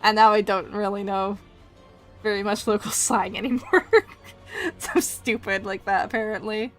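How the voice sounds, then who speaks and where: Background music plays as this Edinburgh-born streamer talks in a mid-range voice with fairly even intonation at a normal pace. She's casual and giggly, and her accent is mixed North American with a Canadian lean.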